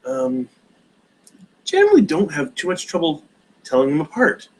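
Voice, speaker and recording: A man's voice: fairly high pitch, wildly swooping pitch, moderate pace, rough recording. A man in his forties hosting a casual live stream Q&A, rambling with many hesitations and restarts. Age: 40s.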